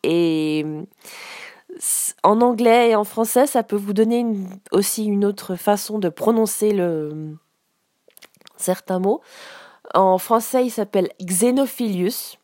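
A woman giving a casual spoken lesson as a teacher, explaining slowly with frequent hesitations. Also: mid-range voice, warm tone, no echo, clean studio sound. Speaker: English teacher.

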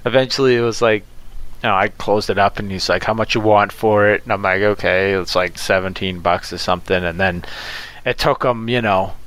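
A man's voice: fairly low pitch, fairly even intonation, a little fast, a bit bright. A man chatting casually, rambling with lots of fillers and restarts and swearing freely. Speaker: pizza delivery driver. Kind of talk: casual chat.

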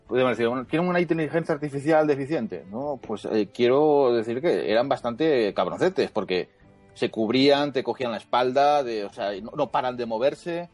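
A man co-hosting a gaming podcast, telling game stories in an animated, rambling way with lots of fillers. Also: medium pitch, moderate pace, soft background music. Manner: animated storytelling with many fillers. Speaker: podcast co-host. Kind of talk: casual chat.

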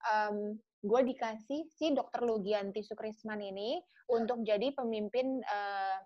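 A woman's voice: medium pitch, unhurried. A woman guest on a podcast, telling a personal story in casual chat and acting out the quoted dialogue. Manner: animated, acts out quoted dialogue. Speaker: podcast guest, cancer activist. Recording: dull lo-fi recording.

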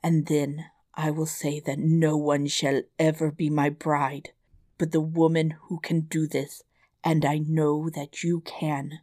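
A determined young prince from an old storybook, declaiming his plans in a firm, measured voice, as a woman reads him. The tone sits low and unhurried. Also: little pitch movement, mellow, no echo, studio quality. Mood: earnest.

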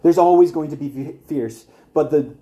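A man's voice: on the high side, normal speed, lo-fi sound. A young man teaching an evangelism class at church, earnest and conversational, with wry asides to his listeners.

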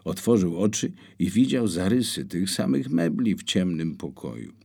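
Deep, gravelly male audiobook narrator. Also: moderate pace. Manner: expressive storytelling with wide swings in pitch.

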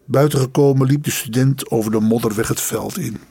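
A man reading a story aloud in measured, dramatic audiobook narration. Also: mid-range voice, mellow, husky, dry recording.

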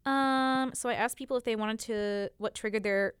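Clear-voiced young American woman, podcast host. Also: a little high, fairly even intonation, normal speed, no room sound, studio quality. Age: young adult. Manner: informal, slangy, peppered with "like". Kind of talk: casual chat.

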